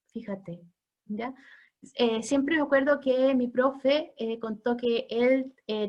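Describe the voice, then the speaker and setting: A woman's voice: a little high, highs cut off. A middle-aged woman teaching an informal class, chatty, often checking in with listeners and laughing. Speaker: family constellations teacher. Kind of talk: informal online class lecture.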